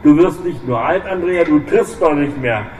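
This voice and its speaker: A man voicing a second shady doctor who jeers loudly. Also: a little high, lively intonation, moderate pace, faint music behind, pitched above the performer's own voice, close to an everyday voice. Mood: jeering. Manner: jeering, loud. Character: jeering second male doctor. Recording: echoey room, distant mic, faint hiss.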